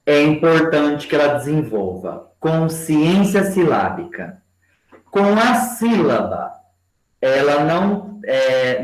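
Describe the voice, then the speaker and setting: A man giving a training lecture to teachers and slowly spelling out example words for his class. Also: fairly high pitch. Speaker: education lecturer. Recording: roomy echo.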